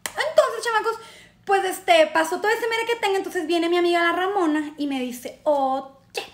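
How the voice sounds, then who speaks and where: A woman's voice: extremely high pitch, moderate pace. A young woman with a Mexican accent, telling a personal story in a casual, slangy live stream full of fillers. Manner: slangy, chatty, many fillers. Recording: echoey room.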